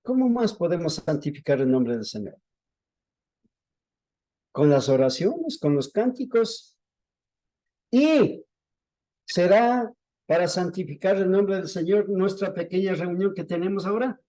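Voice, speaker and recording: A man preaching a sermon to a small congregation, telling stories slowly and deliberately. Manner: slow, deliberate storytelling with lively pitch swings.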